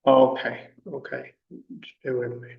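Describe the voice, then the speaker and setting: Slow, halting male academic in an echoey room. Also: mid-range voice, monotone, creaky. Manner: halting, with long pauses. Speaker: academic researcher presenting. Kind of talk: conference presentation. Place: indoors, online video conference call. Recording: roomy, distant, dull online call audio.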